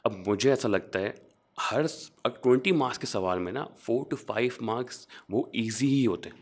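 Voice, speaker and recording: A young man from Pakistan, a chartered accountant, talking in a relaxed interview and explaining things, often rephrasing as he goes. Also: mid-range voice, a little slow. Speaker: guest, qualified chartered accountant. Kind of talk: casual interview, mixing English phrases.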